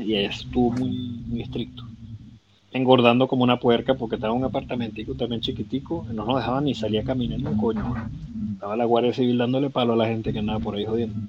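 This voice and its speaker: A man with a Venezuelan accent telling rambling, self-mocking stories in a relaxed chat full of slang. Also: medium pitch. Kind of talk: casual storytelling chat. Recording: muffled with clear background noise.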